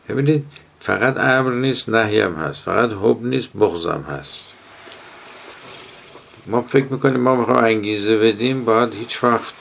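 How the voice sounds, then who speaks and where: A man giving a religious lecture on management, quoting Arabic sayings and swinging between emphatic rises and soft drops. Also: low-pitched, gravelly.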